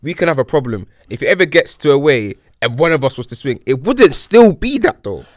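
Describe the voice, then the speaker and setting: A man's voice: a little high, big pitch swings, a little fast, dry recording, studio quality. A young man with a London accent chatting casually, slangy and searching for his words. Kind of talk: casual chat among friends.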